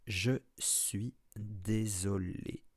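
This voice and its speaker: A man voicing an eleven-year-old boy wizard who talks quickly and earnestly. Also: fairly high pitch, expressive, a little mellow, dry recording, clean studio sound, pitched above the performer's own voice, natural voice. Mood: contrite.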